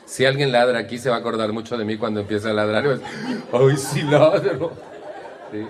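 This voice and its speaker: A middle-aged man with a Mexican accent giving a motivational talk on communication, acting out voices with wry humor. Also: lowish voice. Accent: Mexican Spanish. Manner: animated storyteller, acts out voices, wry humor. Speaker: speaker on communication.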